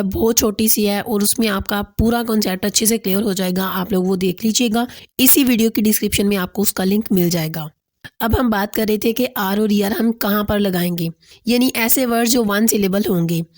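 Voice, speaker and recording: A woman talks through a grammar lesson in a recorded voice-over. She moves patiently step by step, restates each point, and slips English terms into her sentences. Her pitch sits in an ordinary middle range. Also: a little mellow. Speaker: English teacher.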